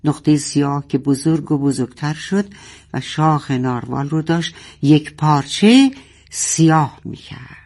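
A woman's voice: low voice, gravelly, a little mellow. A woman reading a children's story aloud expressively and speaking fondly to her young listeners.

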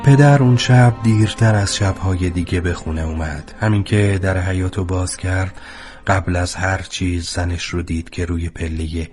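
A man narrating a story in a calm, expressive storybook reading. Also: low-pitched, husky.

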